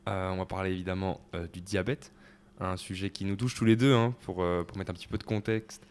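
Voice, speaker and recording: A young man in his twenties hosting a casual talk show, relaxed and joking, with many fillers. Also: low voice, brisk, clean tone. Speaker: podcast host. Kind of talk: casual conversation.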